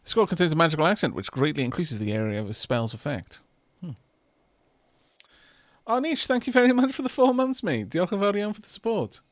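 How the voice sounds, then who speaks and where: Brief: male streamer, wry and chatty, with a lively, rising and falling voice. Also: sits high, fairly quick, no echo. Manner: wry, reads game text aloud, mutters asides. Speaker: streamer playing a video game. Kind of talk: casual let's-play commentary.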